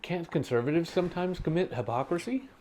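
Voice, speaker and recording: A man's voice: medium pitch, very animated, a little fast, background noise, voice pushed up, lightly acted. A man voicing a flustered male viewer who protests and argues back. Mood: protesting.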